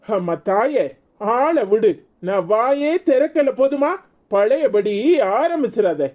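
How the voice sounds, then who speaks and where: A woman's voice: on the high side, lively intonation, takes it slowly, darkish tone. A woman voicing a weary, exasperated husband in a cartoon, scolding and fed up, with a Tirunelveli Tamil accent.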